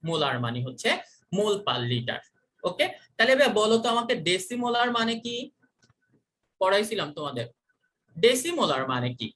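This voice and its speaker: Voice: mid-range voice, big pitch swings, moderate pace, long pauses, fairly bright tone. A chemistry teacher gives an online class. The teacher repeats each question and quizzes the students.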